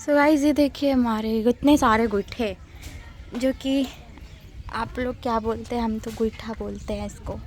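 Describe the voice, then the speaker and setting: A woman's voice: on the high side, fairly even intonation, unhurried, a little mellow. A woman from Bihar with a Bihari Hindi accent, chatting casually in her village vlog and calling out to animals. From Bihar, India. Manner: chatty, coaxing animals with repeated calls. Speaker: vlogger. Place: village outdoors, then in an auto-rickshaw.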